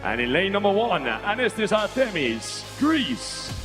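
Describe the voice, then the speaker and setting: A man working as a stadium announcer, calling out competitors in drawn-out, sing-song phrases in a large arena. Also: high voice, big pitch swings. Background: loud music.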